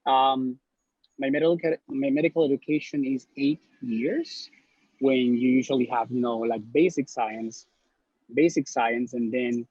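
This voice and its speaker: A man's voice: mid-range voice, steady tone, a little slow, a little mellow, husky, no room sound. A man, speaking earnestly and bluntly as an interview guest over a video call, often repeating words. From Honduras. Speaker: interview guest, newly matched neurology resident. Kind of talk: casual interview, giving advice. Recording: slightly dull lo-fi recording.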